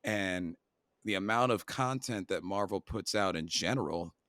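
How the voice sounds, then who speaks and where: Low-pitched man, podcast co-host, dry close mic, emphatic and enthusiastic. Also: normal speed, fairly bright tone, no room sound. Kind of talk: casual chat.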